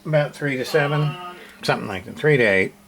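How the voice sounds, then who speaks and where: A hobbyist narrates his hands-on repair work casually, plain-spoken and muttering a little as he goes. His mid-range voice is brisk, and there's clear background noise.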